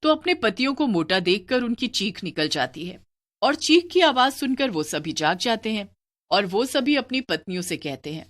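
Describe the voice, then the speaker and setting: A woman narrating a cartoon story in an expressive, storytelling manner. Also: mid-range voice, normal speed.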